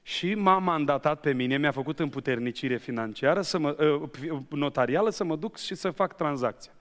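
Un bărbat predicator care spune o mărturie personală în predică, ca un povestitor viu ce se adresează direct adunării, într-o sală de biserică. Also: male voice, a little high. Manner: lively storyteller, addressing the congregation directly. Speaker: preacher. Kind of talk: sermon with personal testimony. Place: church hall. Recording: long church-hall reverb.

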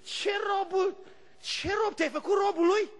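A man voicing a scornful, incredulous foreign king who shouts in mockery. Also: extremely high pitch, flat delivery, vocal fry, voice pushed up, full character voice. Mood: mocking. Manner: mocking, shouted outburst.

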